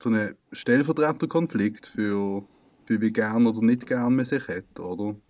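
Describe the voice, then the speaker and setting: A young man with a Swiss German accent, chatting casually in a slangy, animated way. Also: lowish voice, moderate pace. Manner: animated, slangy storytelling with laughs. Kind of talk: casual chat.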